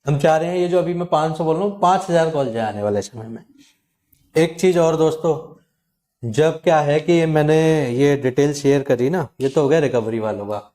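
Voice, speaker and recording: Guy hosting a channel, warm low-key tone, acts out callers in quick quotes. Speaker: channel host advising viewers on loan recovery calls. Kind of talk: casual talk to camera.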